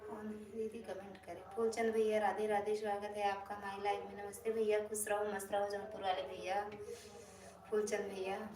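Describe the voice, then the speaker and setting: A woman's voice: medium pitch, flat delivery, moderate pace. Woman, Awadhi accent, casual live-stream chat, teasing and talkative, distant voice, background crowd. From Uttar Pradesh, India. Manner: chatty and teasing, greets viewers by name. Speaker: folk singer hosting a live stream. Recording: roomy, far from the mic, crowd noise.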